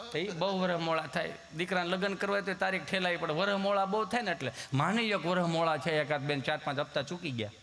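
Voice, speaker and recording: A man's voice: fairly high pitch, sharp tone, a little hiss or hum. A man with a Kathiawadi Gujarati accent doing folk stand-up storytelling, folksy and anecdotal, chuckling as he goes. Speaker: stand-up comedian.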